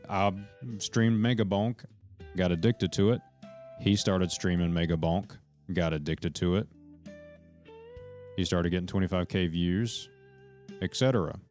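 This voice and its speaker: A man with a low, slightly mellow voice talks to viewers on his live stream. He rambles and jumps from one point to the next, swears freely, and speaks directly to people in the chat.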